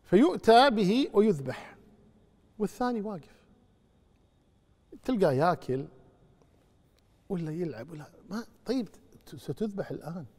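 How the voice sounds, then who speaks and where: A man gives a religious question-and-answer lesson, preaching with animation and rising to loud rebukes. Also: high voice, animated, moderate pace, long pauses. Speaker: Islamic scholar answering questions. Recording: long hall reverb.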